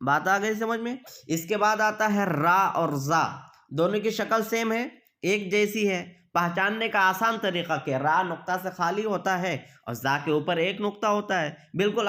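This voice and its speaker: A man's voice: high-pitched, a bit bright. A man teaching a beginner's reading lesson, patiently repeating each point and asking questions that he answers himself. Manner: repetitive, asks questions then answers them.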